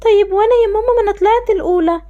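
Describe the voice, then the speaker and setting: A tearful, pleading young girl, voiced by a woman with an Egyptian accent, sounding very high. She talks quickly, as a storybook game character who feels rejected by her family. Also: warm tone, dull audio. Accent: Egyptian Arabic.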